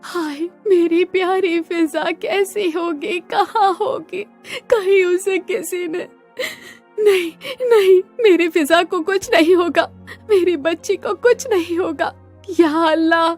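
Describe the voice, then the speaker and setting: A woman's voice: very high-pitched, steady tone, slow pace, a little mellow, faint music behind, voice pushed up, full character voice. A woman voicing a stubborn, loving old grandmother who keeps goats, scolding and pleading. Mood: anguished. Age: older. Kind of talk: cartoon voice acting.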